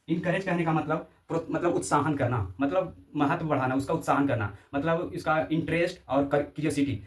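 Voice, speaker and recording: A man's voice: a little high, roomy sound, far from the mic. A man teaching exam vocabulary, repeating each word, spelling it out letter by letter and quizzing his listeners with questions. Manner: repetitive call-and-response drilling, spells words letter by letter.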